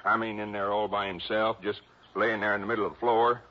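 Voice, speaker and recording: An actor playing a stubborn, cocksure police chief of about fifty in a radio drama, a man with a rural American accent and a husky, stammering drawl. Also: lowish voice, level tone, fairly quick, natural voice. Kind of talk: old-time radio drama acting. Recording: dull old radio recording.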